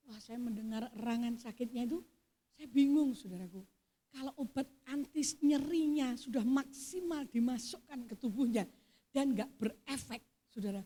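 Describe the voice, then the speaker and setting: A middle-aged woman pastor with a Javanese accent gives a sermon at a church service, her voice husky and on the high side. She shifts from quietly telling stories to loud, emphatic exclamations.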